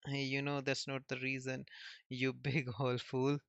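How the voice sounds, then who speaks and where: Big proud old giant warrior, loud and hearty, man just reading it out, pretty flat tone, dry dull sound. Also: mid-range voice, a little slow, gravelly, smooth, no room sound.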